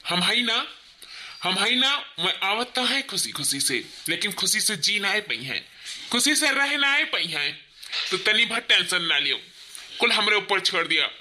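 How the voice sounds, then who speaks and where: A man's voice: high voice, sing-song, bright, forceful tone, a little hiss or hum, full character voice. A man doing a sly scheming Awadhi lover. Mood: soothing. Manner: sly, soothing, slow murmuring. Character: scheming young male lover, low and sly.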